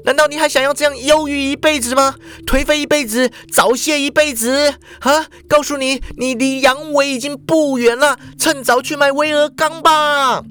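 A man voicing a fiery, bossy young woman who shouts and scolds in a shrill voice. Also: fairly even intonation, normal speed, few pauses. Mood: furious scolding.

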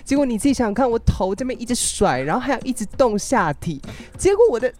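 A man voicing a melodramatic young woman singer, speaking in a falsetto with drawn-out, self-pitying complaints in a comedy podcast skit. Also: sing-song, darkish tone, faint music behind. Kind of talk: comedy skit role-play.

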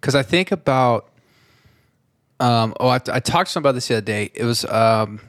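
A man's voice: medium pitch, expressive, normal speed, fairly bright tone, no room sound. Male podcast host, easygoing rambler, swears freely, close and dry. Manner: rambling, loose, swears casually. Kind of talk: casual chat.

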